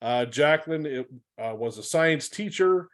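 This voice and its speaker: A man's voice: on the high side, animated, a little slow. A man hosting an online webinar, giving friendly, upbeat introductions of the speakers with a few fillers. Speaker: webinar host.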